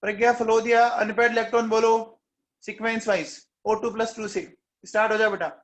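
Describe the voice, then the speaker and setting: High-voiced teacher coaxing students. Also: male voice, flat delivery, fairly bright tone, roomy sound, muffled recording. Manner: coaxing, keeps checking if students understood; calls on students by name to answer quickly. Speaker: chemistry teacher. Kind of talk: classroom lecture.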